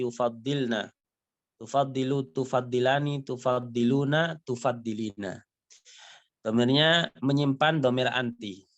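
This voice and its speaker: A man's voice: mid-range voice, fairly bright tone. A man teaching a language lesson, reading dialogue lines aloud, translating them, and explaining patiently with frequent little tag words. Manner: explains patiently, often ending phrases with "ya" and "gitu". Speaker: Arabic teacher.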